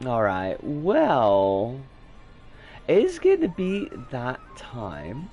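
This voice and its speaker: Animated man streaming, wide-swinging pitch. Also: drawn-out words, lo-fi sound, soft background music. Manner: sardonic, rambling, sweary. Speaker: game streamer. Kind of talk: casual livestream chat and commentary.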